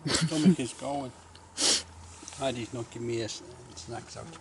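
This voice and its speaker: A man's voice: medium pitch, moderate pace. A man making teasing, jokey asides during a hike, heard outdoors in the woods. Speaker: hiking partner. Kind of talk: casual banter. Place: outdoors in a forest. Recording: distant outdoor camera audio, noisy.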